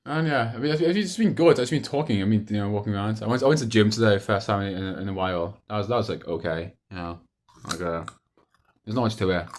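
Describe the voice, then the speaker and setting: A man's voice: on the low side, fast. A young adult man talking casually in a rambling, hesitant monologue, repeating himself and letting thoughts trail off. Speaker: video diarist.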